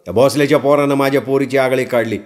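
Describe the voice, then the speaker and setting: A man voicing an enraged village father who shouts defiantly. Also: medium pitch, fairly even intonation, racing, lightly acted. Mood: raging.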